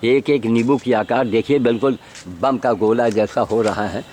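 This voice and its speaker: An older man walks among trees outdoors, holding the camera himself and talking into its built-in mic. His voice sits at an ordinary middle pitch. He rambles bluntly and with emphasis, often firing rhetorical questions at the viewer. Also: steady tone, normal speed, a little mellow, a little hiss or hum. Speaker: vlogger showing his garden. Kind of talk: rambling self-filmed commentary. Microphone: handheld camera mic.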